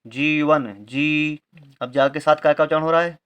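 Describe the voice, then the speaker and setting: A man teaching handwriting, explaining each letter slowly and carefully, step by step. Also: fairly high pitch, flat delivery, clean tone, lo-fi sound. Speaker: Hindi writing teacher. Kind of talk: handwriting lesson.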